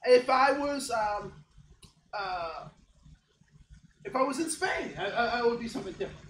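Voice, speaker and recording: High-voiced man leading a workshop. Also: lively intonation, moderate pace, fairly bright tone. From Ohio, United States. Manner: conversational, joking, checks in with audience. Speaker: diversity trainer. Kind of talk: interactive workshop talk. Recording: echoey room, faint background hum.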